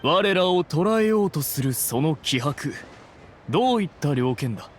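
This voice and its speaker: A man's voice: a little high, lively intonation, normal speed, a little hiss or hum, close to an everyday voice. A man voicing an imperious, composed ancient immortal in human guise for an anime game, with old-fashioned grandiose wording. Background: faint music.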